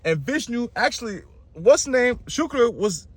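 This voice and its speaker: A man's voice: very high voice, normal speed, husky, no echo. A man casually retelling a myth in slangy, rambling talk, often correcting himself. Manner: slangy, self-interrupting, lively. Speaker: astrology channel host.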